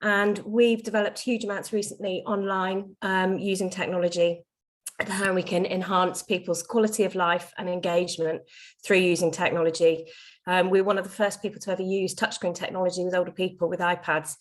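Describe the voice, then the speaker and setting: A woman with a croaky voice, a charity chief executive speaking on a video call, hesitant with many fillers. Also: lowish voice, level tone, a little fast.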